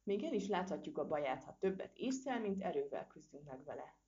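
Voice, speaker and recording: A woman's voice: fairly low pitch, animated, mellow, natural voice. A woman voicing a bold, clever little male squirrel in a storybook reading, daring and cheeky. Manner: cheeky, daring, quick exclamations. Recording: dull lo-fi recording.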